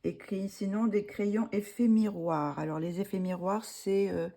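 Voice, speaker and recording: A woman's voice: medium pitch, fairly even intonation, measured pace, dark tone. A woman casually showing her finished coloring pages, hesitant, with many fillers and self-corrections. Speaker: coloring hobby vlogger.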